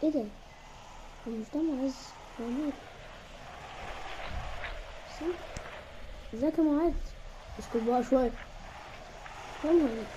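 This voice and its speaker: A woman's voice: high voice, fairly quick, long pauses, dull audio, background noise. A young woman with an Egyptian Arabic accent, playfully acting out bickering characters in a game and switching between voices. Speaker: gamer.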